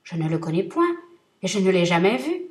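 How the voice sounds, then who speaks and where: A woman's voice: on the low side, very animated, a little fast, far from the mic. A woman voicing a frightened male merchant who pleads for his life in a trembling, raised voice. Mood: pleading.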